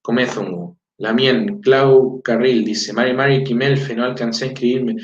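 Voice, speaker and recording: At a normal speed and with fairly even intonation, this mid-range male voice belongs to a Chilean adult, father of a four-year-old girl, who teaches his language conversationally. He uses fillers, often checks with "¿ya?", and reads greetings to listeners. The sound is distant, roomy and dull, clearly lo-fi.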